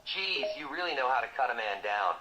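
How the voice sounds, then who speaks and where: A man's voice: medium pitch, lively intonation, brisk, bright, forceful tone, highs cut off. A man voicing a boastful, wisecracking male mercenary who teases his partner in comic banter. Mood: mock-hurt. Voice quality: cocky, teasing, sarcastic.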